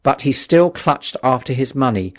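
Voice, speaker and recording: A male narrator with a mid-pitched voice reads a classic novel for an audiobook. His scripted, literary delivery is measured yet dramatic in its storytelling, with lively intonation.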